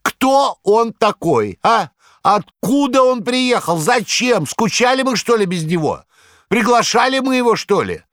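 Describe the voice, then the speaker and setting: A shrill wheedling trickster. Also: male voice, sing-song, measured pace, fairly bright tone, no room sound, clean studio sound, full character voice. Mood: shrill pleading. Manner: whining, mock-pleading, shrill.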